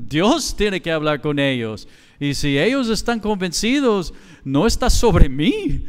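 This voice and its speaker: A man's voice: high-pitched, big pitch swings, takes it slowly, clean tone. A middle-aged man with a Mexican accent, preaching a sermon as pastor in a conversational way, mixing in quoted dialogue. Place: large church hall. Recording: church hall with long reverb.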